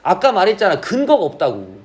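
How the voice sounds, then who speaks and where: Lively high-voiced male teacher. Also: a little fast. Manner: asks frequent check questions, drawls key terms. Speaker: Korean literature teacher. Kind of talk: classroom lecture.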